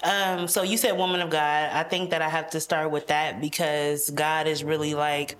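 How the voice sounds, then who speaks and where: A woman guest in an interview, talking quickly and casually with lots of fillers. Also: low-pitched, little pitch movement. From United States. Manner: quick, chatty, filler-heavy. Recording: echoey room with faint noise.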